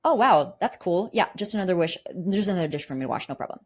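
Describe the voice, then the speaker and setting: A woman's voice: on the low side, a little fast. A woman acting out an irritated, resentful male partner who snaps in sarcastic, exasperated outbursts.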